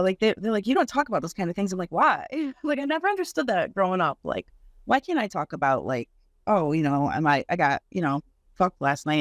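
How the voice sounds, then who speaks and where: A woman's voice: lowish voice, no room sound, clean studio sound. A woman hosting a podcast, chatting in an open, laid-back way and swearing casually. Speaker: podcast host. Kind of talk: casual chat.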